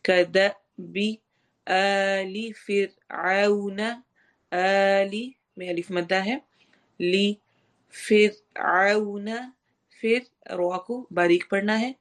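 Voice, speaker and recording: A woman teaching tajweed. She recites verses slowly and drawn out, then explains pronunciation rules step by step. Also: medium pitch. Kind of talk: online tajweed lesson.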